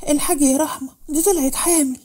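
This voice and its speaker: A woman's voice: high-pitched, fairly even intonation, very fast, mellow, pitched above the performer's own voice, close to an everyday voice. A woman voicing a firm, protective young woman who vows to force a wedding. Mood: determined. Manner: firm, defiant.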